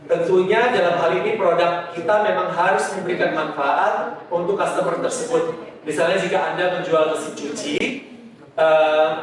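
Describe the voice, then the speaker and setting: High-voiced man teaching in an echoey room. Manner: loose, conversational, with frequent "eh" hesitations and trailing "gitu". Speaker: sales training instructor. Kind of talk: casual instructional talk. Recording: very echoey room, voice distant from mic.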